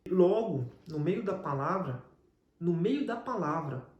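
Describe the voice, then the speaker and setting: With a slightly high, animated voice and a measured pace, a Brazilian Portuguese-accented man tells his own faith testimony as a guest, narrating his life conversationally. The sound is lo-fi, and the room echoes heavily.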